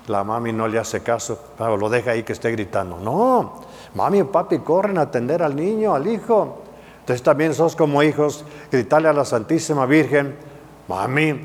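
A man preaching a sermon in a church, with pleading and scolding voices worked into his delivery. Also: mid-range voice. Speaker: priest. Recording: church with long reverb.

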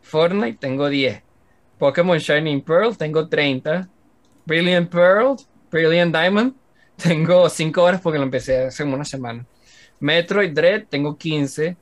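A man's voice: fairly high pitch, a little slow. Casual Venezuelan young man. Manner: rambling, listing game hours with laughs. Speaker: podcast co-host. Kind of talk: casual chat.

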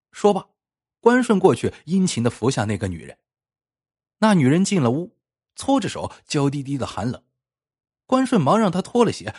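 A man narrating a scripted story, telling it in a lively way with a slightly husky voice. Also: a little high. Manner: lively storytelling, plainly voicing characters' speech.

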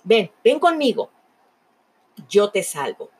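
A woman voicing a kindly old man in a rowing boat who speaks in a calm, reassuring way. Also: mid-range voice, slow pace, slightly rough, heavily acted. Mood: soothing.

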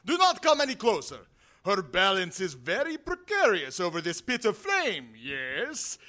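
Mystic villain, pompous menace, forceful bright delivery, swooping theatrical intonation, pulp adventure drama. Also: male voice, sits high, huge pitch swings, measured pace, full character voice. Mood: menacing. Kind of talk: comic pulp adventure acting.

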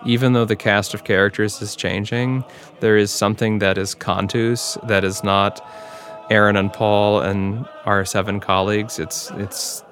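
This American singer from near Cleveland answers interview questions directly and earnestly, explaining his points. His voice sits on the low side with little pitch movement and a fairly bright tone, and he speaks a little slowly over faint background music.

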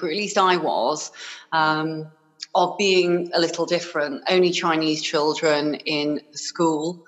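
Effusive woman guest, reverby room. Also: deep voice. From born in Hong Kong, raised in Yorkshire, England. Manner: warm, effusive, many fillers. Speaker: podcast guest, business owner. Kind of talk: conversational interview.

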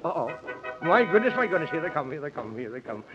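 An actor playing a fussy, befuddled, excitable moon man who repeats himself, in a 1930s children's radio serial. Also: on the high side, quick pace, over music. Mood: flustered, alarmed. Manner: dithering, repeats himself, pedantic nonsense logic. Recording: dull vintage 1930s radio recording.

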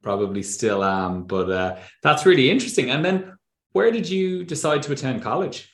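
A man's voice: medium pitch, animated, moderate pace, reverberant. A man hosting an interview podcast, asking chatty, friendly questions with some restarts. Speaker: podcast host.

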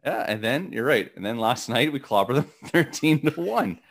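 A middle-aged man co-hosting a casual sports podcast, talking in a gravelly morning voice, rambling and halting with many restarts and fillers. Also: medium pitch, animated, fairly bright tone. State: voice cracking. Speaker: podcast co-host.

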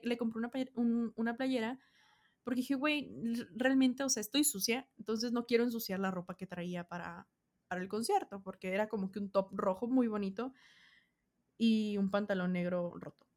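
A young adult woman with a Mexican accent telling a casual storytime, full of slang and acting out what people said. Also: medium pitch. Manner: animated, slangy, acts out quotes. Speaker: vlogger.

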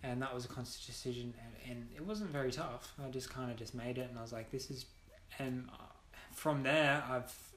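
A man's voice: medium pitch, normal speed, few pauses, fairly bright tone. A young man, a podcast guest, telling a personal story candidly, bluntly and with frequent swearing. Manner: blunt, swears freely, many restarts. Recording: roomy echo.

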